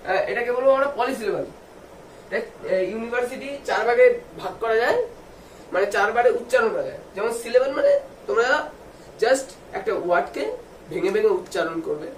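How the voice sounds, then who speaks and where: A man with a high voice gives a video lesson for students. He spells words out slowly, letter by letter, and answers the questions he asks. He sounds distant from the mic in a roomy space with faint noise behind him. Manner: asks the viewers questions and answers them himself. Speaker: English tutor.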